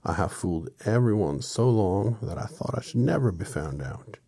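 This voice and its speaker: A man's voice: fairly low pitch, expressive, moderate pace, vocal fry, mellow, slightly rough, dry recording, voice pushed up, heavily acted. A man voicing a meek, flustered little old man, a humbug wizard with a trembling voice, from a storybook. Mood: sheepish.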